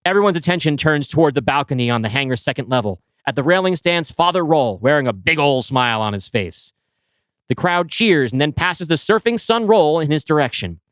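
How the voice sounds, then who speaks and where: This podcast co-host reads aloud from a screenplay of his own, guiding his partner through it with animated narration and lots of filler words. His voice is a little high and brisk, and the recording is dry.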